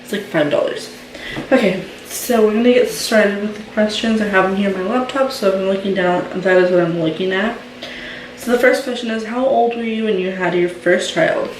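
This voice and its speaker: A mom vlogger in her young adult years chats at a fairly brisk clip, her mid-range voice loaded with "um" and "like." Recorded at a distance, the sound is roomy with a touch of hiss or hum.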